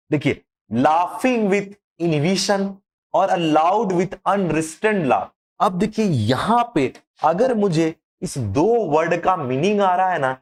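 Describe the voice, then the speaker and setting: Male tutor, fairly high voice, lively explainer who asks rhetorical questions. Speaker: teacher. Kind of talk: exam-prep lesson explaining English idioms.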